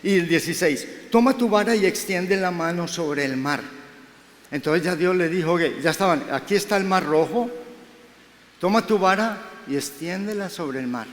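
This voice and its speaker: A man's voice: sits high, moderate pace. A middle-aged man preaching a Sunday sermon in a conversational way, acting out quoted dialogue. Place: church hall. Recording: echoey hall with long reverb.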